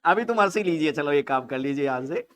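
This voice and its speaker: A man's voice: a little high, brisk, clean tone. A man teaching a nursing exam class online, joking and teasing his students for laughing. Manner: animated, laughs often.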